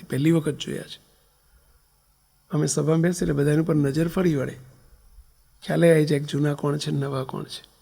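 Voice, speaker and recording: A man giving a storytelling sermon as a swami, narrating a moving story and sometimes dropping to a soft whisper. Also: on the high side, gravelly, husky. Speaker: swami giving a spiritual discourse.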